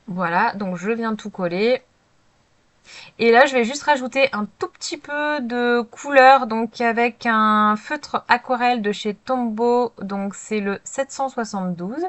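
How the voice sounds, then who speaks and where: A woman's voice: a little high, unhurried, a bit bright, dry recording. A woman narrating a crafting tutorial in a chatty way, with many hesitant fillers. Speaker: craft video creator. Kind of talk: casual crafting tutorial voice-over.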